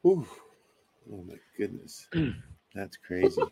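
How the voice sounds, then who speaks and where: A man co-hosting a casual paranormal radio chat, excitable and stammering, repeating himself. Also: on the low side, slow, creaky, breathy edge. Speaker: co-host.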